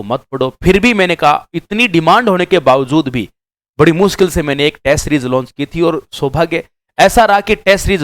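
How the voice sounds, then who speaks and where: A male teacher lecturing exam students with insistent emphasis, often repeating words to drive a point home. His voice sits a little high and swings widely in pitch. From Rajasthan. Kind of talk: direct-to-camera lecture.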